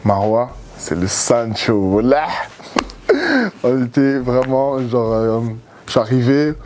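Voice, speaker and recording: A young Cameroonian man who was once on a reality show answers interview questions in a relaxed, rambling way, full of fillers and repeated words. His voice is medium-pitched and a little slow, with slight background noise.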